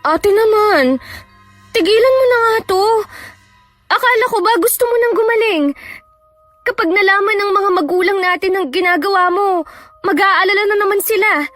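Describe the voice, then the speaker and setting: A frightened teenage younger sister, put on by a woman with a very high, thin voice. She pleads anxiously with her older sister. A horror story telling. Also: moderate pace, long pauses, a bit bright, faint music behind. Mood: exasperated. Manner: pleading and worried.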